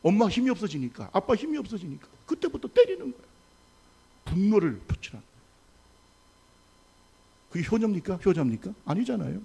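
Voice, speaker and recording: Animated, gravelly-voiced preaching pastor. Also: male voice, fairly quick, long pauses. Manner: call-and-response preaching, rhetorical questions to the congregation; swings from loud exhortation to soft low asides. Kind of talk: sermon. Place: church sanctuary.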